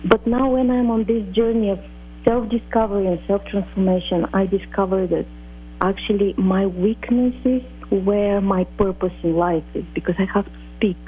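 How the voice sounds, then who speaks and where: Husky middle-aged woman on a phone line. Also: medium pitch, fairly even intonation. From Bulgaria. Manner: earnest, measured, sometimes halting. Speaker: guest. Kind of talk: reflective personal storytelling. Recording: phone-like narrow audio.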